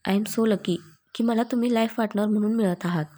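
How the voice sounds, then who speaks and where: A woman's voice: medium pitch, fairly even intonation, a little fast, mellow, lightly acted. A woman playing a playful young bride-to-be. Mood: tender. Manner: coaxing, playful.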